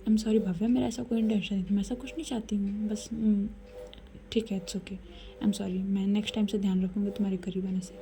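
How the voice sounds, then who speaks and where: A woman voicing an eager, apologetic young woman lover in a whispered role-play, with hushed whispering. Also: medium pitch, little pitch movement, fairly quick, slight background noise, lightly acted.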